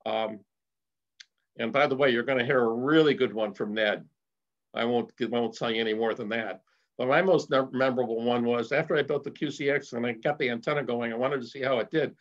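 A man's voice: mid-range voice, fairly even intonation, a little fast. An older man giving an informal slide presentation at a radio club, rambling with many fillers and restarts and getting enthusiastic. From Rochester area, United States. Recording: slightly dull lo-fi sound.

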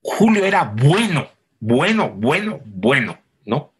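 A husky-voiced man reminisces in easy conversation. His pitch swings widely as he acts out the people in his stories. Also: slow pace. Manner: animated storyteller acting out quoted voices. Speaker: theatre actor, interview guest. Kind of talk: conversational anecdote telling.

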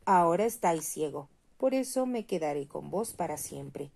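A woman's voice: sits low, lively intonation, moderate pace, creaky, darkish tone, breathy edge, full character voice. A tender little swallow, as a woman reads her. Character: kind devoted little swallow, female bird.

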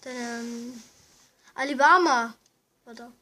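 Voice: mid-range voice, takes it slowly, bright, forceful tone, a little hiss or hum. A young co-player chatting casually during a game, chiming in with short remarks. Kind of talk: casual chat while gaming.

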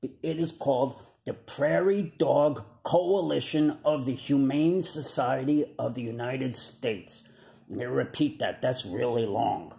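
A chatty, wisecracking prairie dog puppet with a New York accent rattles off slangy tough-guy patter, voiced by a man. The voice has a gravelly, fried edge at a middling pitch. It is picked up by a webcam in a room at home. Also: slow, mellow, reverberant. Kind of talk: puppet comedy sketch.

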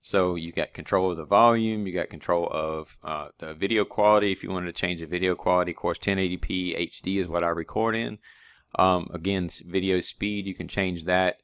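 A man's voice: sits low, fairly even intonation, a little fast, fairly bright tone, clean tone, no room sound. A man, an online automation-training instructor, casually walks viewers through his course website with many fillers and restarts. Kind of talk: screen-recorded course walkthrough.

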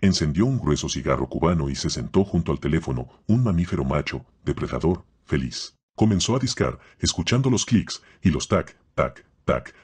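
A man narrating an audiobook in a steady, unhurried storytelling manner. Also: rumbling low, husky.

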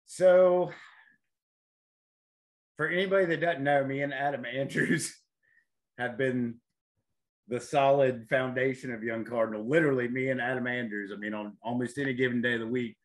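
A man's voice: medium pitch, fairly even intonation, moderate pace, pauses often. A man, a chef chatting easily as a guest on a video call. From North Carolina. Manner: easygoing, chatty, with small laughs. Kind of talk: casual video-call interview.

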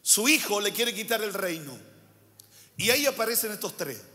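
Preaching with big pitch swings at normal speed, a male pastor keeps returning to key phrases and throwing rhetorical questions at the congregation. His voice sits high, bright and forceful, and every word echoes with a church hall's long reverb.

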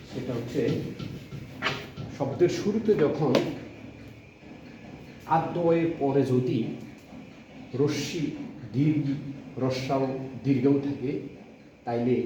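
Lecturer in a very echoey room, Bangladeshi Bengali accent. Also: male voice, medium pitch, dark tone, slight background noise. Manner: deliberate, halting, repeats example words slowly. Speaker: college lecturer teaching Bengali pronunciation. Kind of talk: spoken classroom lesson. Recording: echoey room, distant mic, dull sound.

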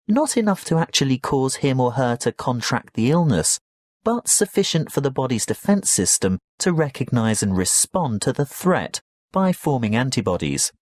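A man playing a health lecturer, giving a scripted academic lecture with measured, explanatory delivery. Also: medium pitch, big pitch swings, darkish tone, no room sound, clean studio sound. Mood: formal, instructive. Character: male health lecturer addressing young students.

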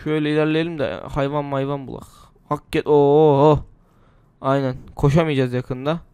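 A man's voice: fairly high pitch, fairly even intonation, normal speed, mellow, clear, resonant tone, no echo. A man, a gaming channel host, chatting casually and rambling to himself as he plays a survival game, a little under the weather. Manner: chatty, rambling, talks to himself while playing. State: slightly ill. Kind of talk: casual gameplay commentary.

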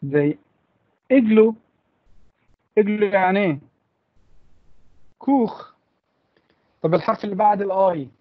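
A man's voice: high voice, a little slow, long pauses, lo-fi sound. A man with an Egyptian Arabic accent teaching English letters to children in an online class, patiently repeating each sound for the pupils to echo. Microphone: computer mic in an online class.

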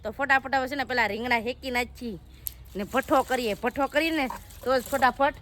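A chatty, teasing woman narrates a casual cooking vlog beside a wood-fire stove in a village home. Her voice is fairly high and bright. She speaks to viewers as family. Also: normal speed. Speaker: family vlogger.

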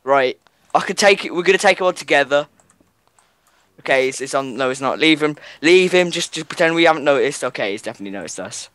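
Excitable young man gaming. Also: fairly high pitch. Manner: excitable, quick bursts of orders. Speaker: gaming video co-host. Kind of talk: casual gameplay chat.

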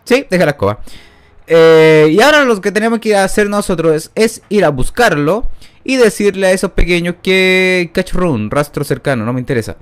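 A man's voice: high-pitched, smooth. A man, giving rambling, self-mocking gameplay commentary into a studio microphone. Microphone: new studio microphone.

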